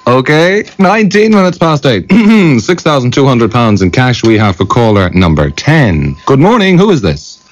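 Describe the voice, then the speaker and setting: Irish radio host, jokey and brisk, voice jumps up and down a lot. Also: male voice, mid-range voice, very animated, muffled recording. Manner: jokey, laughs often, brisk. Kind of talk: breezy radio phone-in chat.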